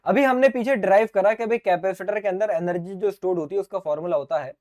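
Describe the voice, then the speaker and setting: A middle-aged man teaching physics in an online exam-prep lecture. He is playful and animated, answers himself in a student's voice, calls the viewers his dear children, and his throat is getting sore. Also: high-pitched, quick pace, highs cut off.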